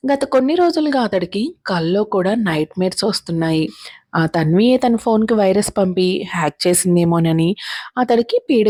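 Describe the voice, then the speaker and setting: A woman telling a serialized story in a steady, even narrating manner. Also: mid-range voice.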